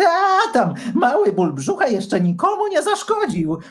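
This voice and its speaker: A man voicing an excitable, cheeky young male dragon in a children's storybook, speaking in a shrill, eager, quick way. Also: exaggerated voice. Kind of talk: storybook character voice.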